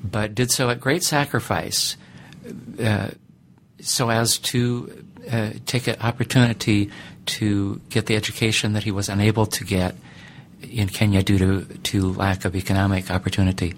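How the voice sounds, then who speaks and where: A middle-aged ethics teacher answers interview questions thoughtfully and deliberately, pausing often. His voice is lowish and his delivery flat, with slight background noise.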